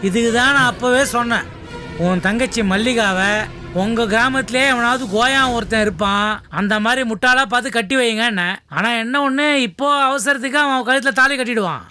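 A scheming middle-aged man taunts his rivals in a high, mocking voice. He sneers and needles, relishing their shame. Loud background music runs under this television drama. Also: a little fast, full character voice. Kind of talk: television serial acting.

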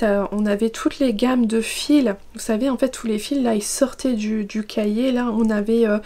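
French lady rambling about her knitting, kinda high voice but soft and mellow, lots of ums. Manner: rambling, many fillers and asides. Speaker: knitting podcast host. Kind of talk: casual chatty vlog.

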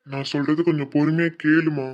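A woman voicing a desperate young man in love in a cartoon, pleading and pressuring in a lowered voice. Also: little pitch movement, fairly quick, darkish tone, highs cut off, natural voice. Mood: earnest.

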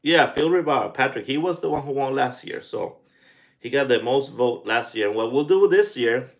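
A man in his forties hosting a casual live chat, talking in a halting way as he thinks aloud. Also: medium pitch, lively intonation, creaky. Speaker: pipe tobacco vlogger and live stream host. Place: small indoor room at home.

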